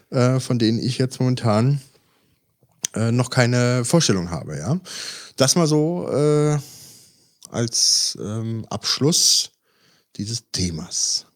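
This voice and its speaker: A man with a somewhat low voice hosts a chatty podcast. He talks haltingly, with lots of fillers as he feels his way through each point. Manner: hesitant, many fillers. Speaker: podcast host. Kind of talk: casual chat.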